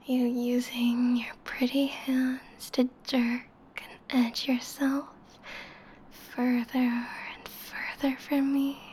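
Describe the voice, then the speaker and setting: A woman doing a whispered role-play as an adoring, seductive lover, speaking slowly and intimately, close to the listener's ear. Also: high-pitched, a little mellow, a little hiss or hum. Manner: slow, lingering delivery with pauses.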